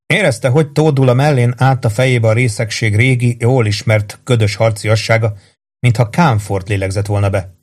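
A man's voice: medium pitch, fairly even intonation, a little mellow. Male audiobook narrator. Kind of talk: scripted novel narration.

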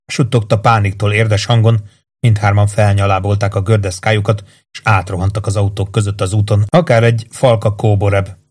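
A man reading a crime novel aloud as an audiobook narrator, in even scripted narration. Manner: reads steadily, lifting pitch and volume for shouted dialogue.

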